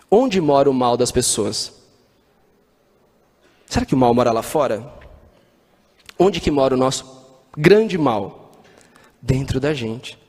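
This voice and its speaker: A man's voice: fairly high pitch, a little mellow. A man giving a spiritist lecture, telling anecdotes and asking the audience questions. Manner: storytelling with anecdotes and quoted dialogue. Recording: long hall reverb.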